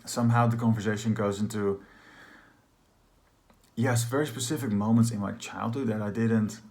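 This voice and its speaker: A man's voice: lowish voice, fairly even intonation, moderate pace, darkish tone. A man candidly telling a personal story in a rambling, casual way, full of filler words. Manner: candid and confessional. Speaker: trauma healing practitioner.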